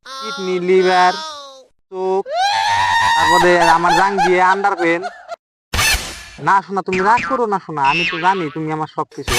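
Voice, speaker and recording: A man's voice: high voice, very noisy. A man sweet-talking a sweetheart on a comic one-sided phone call, in doting, over-the-top tones. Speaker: comedy sketch performer. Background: background music.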